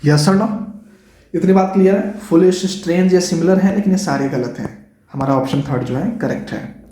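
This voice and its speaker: Man, Indian English accent, exam-prep teacher, high mellow voice, chatty and coaxing, roomy echo. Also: moderate pace, slight background noise. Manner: chatty, coaxing, addresses students as "guys" and "dear children". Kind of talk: online exam-prep lesson.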